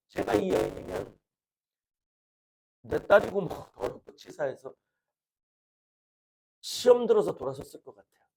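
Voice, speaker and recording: A man's voice: high-pitched, darkish tone. A middle-aged male pastor preaching a sermon, earnestly asking the congregation questions.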